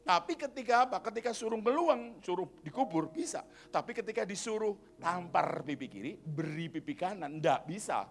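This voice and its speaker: Animated preacher man, raised voice. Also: high-pitched, normal speed, vocal fry, hardly any pauses. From Surabaya, Indonesia. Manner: animated, joking, asks the congregation questions. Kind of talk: lively church sermon. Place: church.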